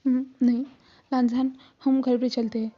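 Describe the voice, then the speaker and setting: A woman's voice: high-pitched, level tone, normal speed. A woman voicing a clingy young man who protests and pleads to stay by his uncle's side. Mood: upset, pleading. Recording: slightly dull with soft music.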